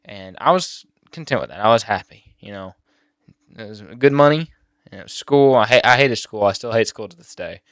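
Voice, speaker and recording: A teenage boy talking on his own channel, emotional and halting, near tears at times. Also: lowish voice, lively intonation, no room sound, studio quality. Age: teens. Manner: emotional, halting with many fillers and restarts. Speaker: YouTuber. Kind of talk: personal vlog talk.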